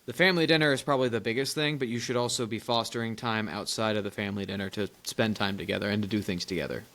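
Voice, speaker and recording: A young man co-hosting a podcast, telling family stories in casual chat, animated and laughing often, with rambling restarts. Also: fairly low pitch, fast talker. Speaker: podcast co-host.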